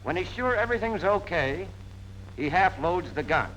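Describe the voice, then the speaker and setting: A high, bright, forceful voice belongs to this 1940s American military instructor, whose intonation swings lively as he goes at a moderate pace. Each step gets a plain, punchy, colloquial explanation. Poor audio from an old film recording adds faint noise.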